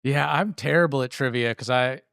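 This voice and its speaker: A man's voice: medium pitch, a little fast, gravelly, a bit bright, no room sound, studio quality. A man hosting a podcast in a casual chat, joking, laughing along and asking questions. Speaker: podcast host.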